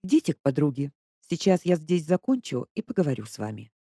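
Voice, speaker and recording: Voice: mid-range voice, big pitch swings, quick pace, dark tone, husky, no room sound. A reader voicing a stern male police investigator who answers in short, dry phrases. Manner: curt, dry replies.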